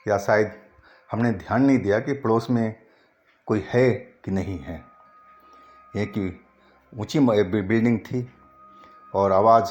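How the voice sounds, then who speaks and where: A man telling a first-person ghost story in Hindi narration, slow and halting with frequent pauses and restarts. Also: fairly low pitch, darkish tone, highs cut off.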